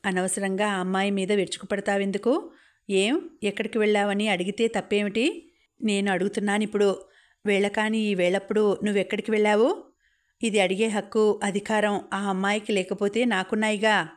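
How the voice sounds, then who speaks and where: A stern young man presses with accusing, demanding questions, read by a woman in an audiobook. The delivery is pitched mid-range and held flat. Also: moderate pace, close to an everyday voice. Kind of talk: audiobook novel reading.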